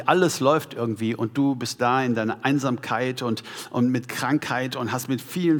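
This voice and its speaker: A man preaching a sermon to a congregation, emphatic and asking them rhetorical questions. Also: mid-range voice. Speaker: pastor. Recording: long hall reverb.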